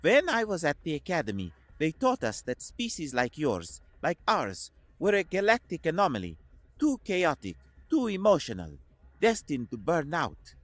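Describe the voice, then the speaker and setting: A man voicing an earnest, academy-trained woman starship officer in a scripted sci-fi audiobook, speaking in a measured, reflective way. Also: fairly high pitch, wildly swooping pitch, a bit bright, dry recording, voice pushed up, heavily acted.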